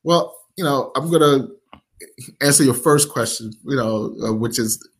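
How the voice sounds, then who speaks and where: A man's voice: mid-range voice, slightly rough. A man from Nigeria, an app founder, talking casually in an interview with lots of fillers and restarts. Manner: many fillers, halting restarts.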